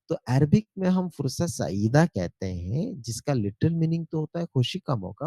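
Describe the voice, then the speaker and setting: A male teacher giving a spoken language lesson, explaining patiently, repeating words slowly and often asking checking questions. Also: medium pitch, mellow, no echo. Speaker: Arabic teacher.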